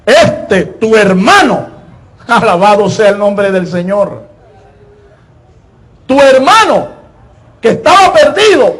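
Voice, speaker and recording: A man preaching a sermon in an emphatic style, repeating his phrases and often pausing on filler words. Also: high voice, lively intonation, a bit bright.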